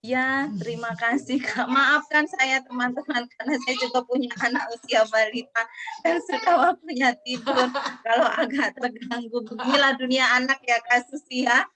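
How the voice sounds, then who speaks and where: A woman's voice: sits high, moderate pace, a crowd in the background. A woman moderating an online parenting seminar over a video call, polite and friendly as she reads out the audience's questions.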